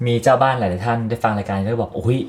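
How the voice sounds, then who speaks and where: A man hosting a podcast who asks questions briskly and often frames them as playful hypothetical scenarios. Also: mid-range voice, steady tone. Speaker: podcast host. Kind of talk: casual podcast interview.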